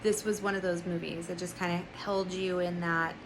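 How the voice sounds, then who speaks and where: A woman's voice: lowish voice, flat delivery, normal speed, a little hiss or hum, poor audio. A young woman reviewing a movie in a casual vlog, ranting, profane and sarcastic.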